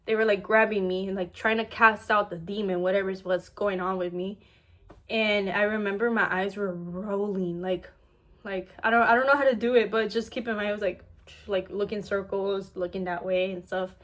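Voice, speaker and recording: A woman's voice: mid-range voice, steady tone, moderate pace, fairly bright tone. A young adult woman recording a casual storytime vlog. She retells events animatedly, acts out what others said, and uses "like" constantly. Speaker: vlogger.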